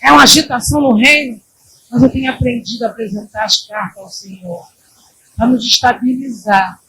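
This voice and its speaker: High-voiced woman preaching a sermon. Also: moderate pace, breathy edge, low-quality recording. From Brazil. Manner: animated preaching, shifts between loud exhortation and quiet asides. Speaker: pastor. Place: church.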